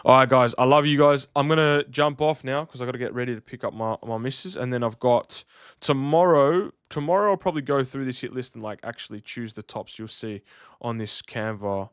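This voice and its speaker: A man's voice: mid-range voice, brisk, clean tone, no room sound, studio quality. A man, chatting casually to livestream viewers in a slangy, matey way. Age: 30s. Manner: laid-back slangy, matey address. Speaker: livestream host.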